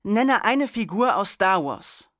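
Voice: mid-range voice, sing-song, takes it slowly, fairly bright tone, no echo, studio quality, pitched above the performer's own voice. A reader voicing an eager young schoolgirl. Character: bubbly schoolgirl showing off a paper puppet.

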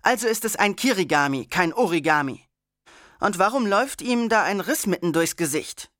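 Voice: medium pitch, animated, moderate pace, fairly bright tone, no room sound, clean studio sound, natural voice. An audiobook reader voicing a pedantic schoolboy who nitpicks and mocks in a slightly raised, sneering tone. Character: know-it-all nitpicking schoolboy.

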